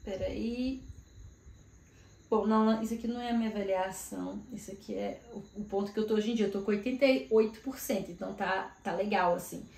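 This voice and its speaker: A woman's voice: medium pitch, a little fast, creaky, darkish tone. A woman from Brazil in her thirties, a career mentor talking casually to camera and thinking aloud with lots of filler words. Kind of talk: casual vlog talk to camera. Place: home room in Australia. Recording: echoey room.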